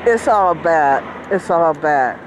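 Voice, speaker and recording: A woman talking casually to viewers in a deliberate, explanatory way, her voice slightly muffled by a face mask. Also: low voice, lively intonation. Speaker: vlogger sharing personal medical experience. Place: outdoors. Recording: outdoor background noise, voice muffled by mask.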